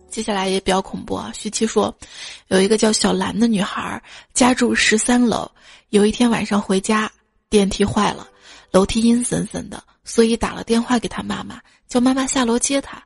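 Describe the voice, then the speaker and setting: A woman with a fairly high voice runs a casual joke show, reading out short funny stories with a playful, giggly delivery. Soft music plays faintly behind her. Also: creaky. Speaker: podcast host.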